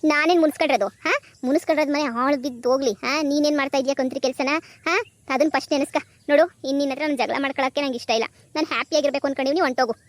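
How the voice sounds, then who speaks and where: A woman voicing a high, quick-talking young village wife in a cartoon comedy. She turns from sugary begging to biting scorn. The recording is close and dry. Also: steady tone, no room sound, close to an everyday voice. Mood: angry. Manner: pleading sweetly to her father-in-law, then scolding with contempt.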